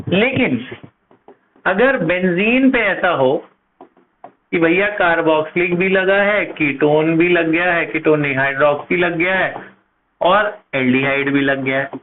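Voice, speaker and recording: A man teaching chemistry at a board, asking his class questions and answering them himself, slowing down to spell out compound names. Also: high voice. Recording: tinny phone-like audio with faint noise.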